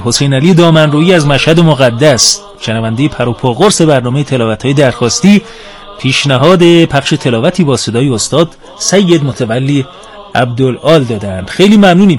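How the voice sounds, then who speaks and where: A man hosting a religious radio program in a calm, reverent and courteous way, speaking into a studio microphone. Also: a little high. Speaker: radio host.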